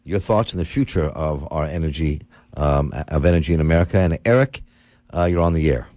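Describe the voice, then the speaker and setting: A man with a smooth radio-host voice, hosting a call-in radio talk show from the studio and taking callers. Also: very deep voice, a little fast, a little mellow, dry recording. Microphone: studio microphone.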